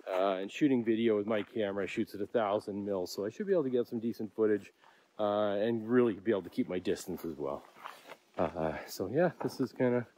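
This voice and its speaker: A young adult man, a wildlife photographer, talking casually while hiking outdoors in open grassland, with a relaxed, halting delivery full of fillers. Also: fairly low pitch, slight background noise.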